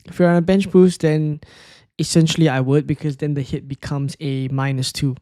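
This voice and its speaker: This is a man whose voice sits a little high for a man. He talks through his choices in a loose, conversational way, full of fillers and restarts as he answers questions from chat. The sound is dry and close, with almost no room around it. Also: moderate pace, no room sound. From Singapore. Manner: thinking aloud, relaxed and conversational, frequent fillers and restarts. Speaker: fantasy football streamer. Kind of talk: casual live-stream commentary answering chat questions.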